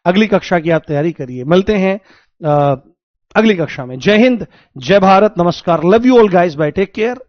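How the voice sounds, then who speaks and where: Male teacher, high voice, energetic and repetitive, dry slightly dull close-mic recording. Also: unhurried, dry recording. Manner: energetic, repeats points and asks students questions. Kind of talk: live online class lecture.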